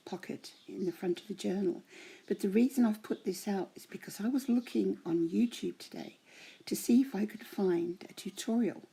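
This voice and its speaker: Tired, croaky middle-aged woman crafter, rambling and often slipping into whispers; husky, very dark tone. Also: mid-range voice. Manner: chatty, rambling, many ums, drifting into whispers. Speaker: crafting vlogger. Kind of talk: casual show-and-tell vlog.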